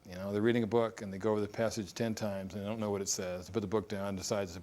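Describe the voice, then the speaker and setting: A man's voice: on the low side, flat delivery, fast talker, darkish tone. A middle-aged man presenting a divorce recovery seminar in a conversational way, with joking asides and acted-out examples. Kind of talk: recorded seminar talk.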